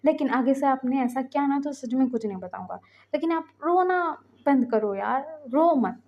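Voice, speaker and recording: Woman doing a hotheaded little brother, loud and scolding, fan fic story, muffled audio. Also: sits high, animated, moderate pace. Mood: soothing. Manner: loud, scolding, then fussing. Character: young man, hot-tempered protective younger brother.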